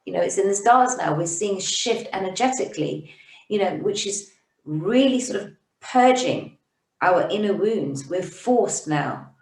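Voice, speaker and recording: A woman hosting an interview, talking in an effusive, encouraging way with halting restarts. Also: medium pitch, lively intonation, creaky, darkish tone. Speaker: interview host. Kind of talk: conversational interview. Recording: roomy echo, distant from the mic.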